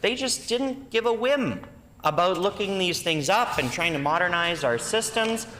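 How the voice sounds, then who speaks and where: In a large indoor legislative chamber, an opposition legislator with a Canadian accent delivers a combative, critical and emphatic parliamentary debate speech. His voice sits high and sounds expressive and sharp at a moderate pace, with the chamber adding reverberation.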